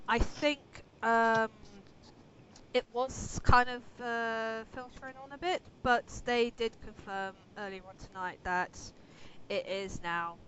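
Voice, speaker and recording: Chatty woman with a slightly high voice. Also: sharp tone. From United Kingdom. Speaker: podcast co-host. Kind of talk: casual podcast chat. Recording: dull lo-fi with faint noise.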